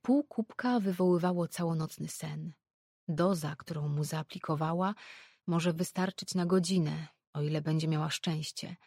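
A woman narrating an audiobook novel in an even, measured reading. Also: low voice, dry recording, clean studio sound. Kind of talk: scripted storybook narration.

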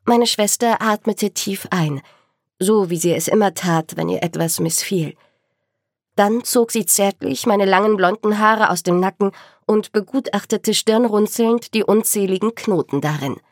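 A woman reading a novel aloud in the first person, with expressive, measured storytelling. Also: medium pitch, no echo, clean studio sound. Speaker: audiobook narrator.

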